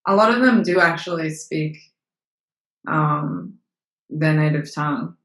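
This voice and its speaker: Her voice is low, unhurried and a bit bright as this young Australian woman, an actress and model, talks frankly in an interview, swearing casually and using many fillers. There is a roomy echo on the recording.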